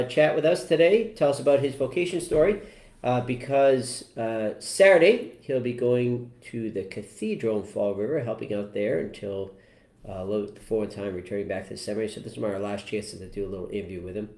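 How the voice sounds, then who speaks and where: A man's voice: medium pitch, a little mellow. A man in his forties, a priest hosting a casual parish livestream interview, talking in a chatty, joking way with lots of "uh" fillers. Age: 40s. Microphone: computer camera mic. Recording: echoey parish room.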